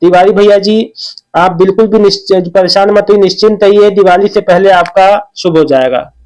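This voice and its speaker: A man's voice: high voice, moderate pace, darkish tone, low-quality recording. A man hosting his own channel, chatting casually as he answers viewers' comments by name and reassures them again and again. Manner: reassuring, repeats "okay" often, addresses viewers by name. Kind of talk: casual talk reading out and replying to comments.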